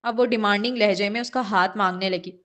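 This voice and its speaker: A woman's voice: medium pitch, fairly even intonation, a bit bright. Woman narrating a romance novel. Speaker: novel reader. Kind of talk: scripted audiobook narration.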